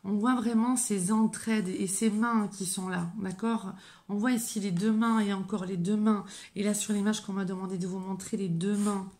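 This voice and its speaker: A woman working as a medium, giving a live oracle card reading, speaking haltingly with many restarts and gently encouraging her viewers. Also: mid-range voice, fairly even intonation. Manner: hesitant, halting, with frequent fillers and restarts. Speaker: medium and spiritual guide.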